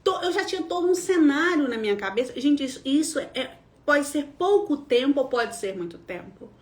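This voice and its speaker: High-voiced Brazilian woman telling a story. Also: expressive, normal speed. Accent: Brazilian Portuguese. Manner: emotional storytelling, acting out quoted voices. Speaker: psychologist hosting a live stream. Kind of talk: personal story in a live talk.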